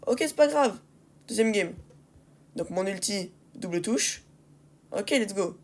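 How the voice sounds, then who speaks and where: With a medium-pitched, darkish voice, she speaks slowly and expressively while commentating on gameplay replays as a video creator. Her casual remarks show exasperation with teammates, punctuated by repeated phrases and rhetorical questions.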